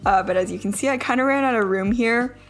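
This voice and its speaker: A woman's voice: on the high side, fast talker. A young adult woman giving a casual, chatty, self-deprecating vlog voice-over, with some trouble saying her R sounds. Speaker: vlogger. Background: background music.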